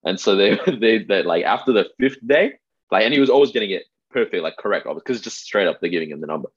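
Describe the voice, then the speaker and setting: A man's voice: lowish voice, animated, quick pace, slightly rough, muffled recording. A man co-hosting a casual podcast, telling things in a laid-back, slangy way. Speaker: podcast co-host. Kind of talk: casual conversational storytelling.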